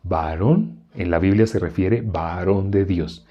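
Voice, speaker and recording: A man preaching a sermon, teaching from the Bible with rhetorical questions and quoting scripture in a quieter, lower voice. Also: takes it slowly, lo-fi sound.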